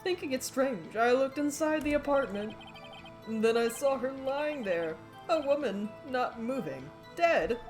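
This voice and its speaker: A woman voicing a nervous old British man testifying in a video game, with halting, formal delivery. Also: high-pitched, pitched above the performer's own voice, rough recording.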